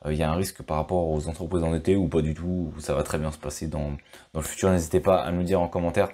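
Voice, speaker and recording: A man's voice: extremely low pitch, fairly even intonation, very fast, mellow. A man with a French accent explaining stock market risks to his viewers in a casual way, with many fillers and restarts. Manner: thinks aloud with frequent fillers and restarts.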